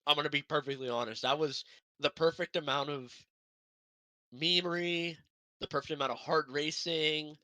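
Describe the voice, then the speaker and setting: A young man talks through a casual racing podcast segment in a rambling, upbeat way. His voice is bright and forward. The sound is dry and close, with no room around it. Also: a little high, fairly even intonation, moderate pace, dry recording. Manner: rambling, upbeat, self-deprecating. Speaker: sim racing broadcast co-host.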